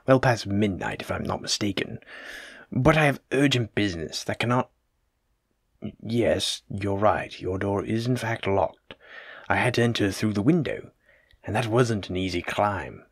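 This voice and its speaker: A man acts out a plague doctor for an audio roleplay addressed directly to the listener, his lowish, gravelly voice carrying a breathy edge and exaggerated delivery, recorded close and dry without echo. At a measured pace he stays polite yet insistent, formal and a bit self-important, dodging points with fussy, antiquated wording.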